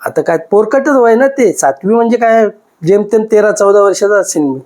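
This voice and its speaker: A man in his fifties with a fairly high voice tells a podcast host about a ghost encounter from his past. He talks in an emotional, repetitive way and keeps circling back to the same moments. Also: expressive, moderate pace, darkish tone. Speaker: podcast guest. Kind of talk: recounting a personal ghost experience.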